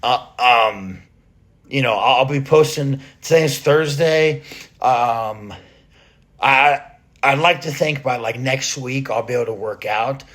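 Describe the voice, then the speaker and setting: A man's voice: medium pitch, a bit bright. A man gives a casual vlog update to his followers while still short of breath from a recent illness. He rambles and hesitates, restarting sentences and filling gaps as he goes. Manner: halting, rambling, many fillers and restarts. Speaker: fitness content creator.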